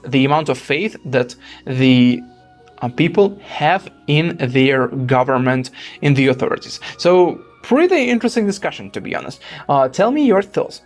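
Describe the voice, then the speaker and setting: A man giving casual commentary over gameplay, telling a long story in a rambling, hesitant way with many fillers. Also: on the high side. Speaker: gaming YouTuber.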